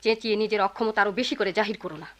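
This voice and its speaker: একজন অভিনেত্রী বাস্তববাদী, কড়া মধ্যবয়সী মায়ের চরিত্রে, নব্বইয়ের দশকের বেতার নাটকের ঢঙে।. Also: female voice, mid-range voice, very fast, close to an everyday voice. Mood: reproachful. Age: middle-aged. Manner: firm, reproachful. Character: practical middle-aged mother, sharp-tongued and tired. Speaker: mother of grown children. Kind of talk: 1990s radio drama acting.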